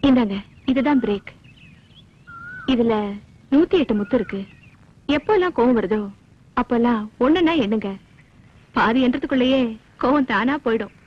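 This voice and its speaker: An actress playing a calm, wise village woman who patiently advises a hot-tempered man, in a dull lo-fi film soundtrack. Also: on the high side, normal speed, long pauses, slight background noise, close to an everyday voice. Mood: teaching. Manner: patient, persuasive.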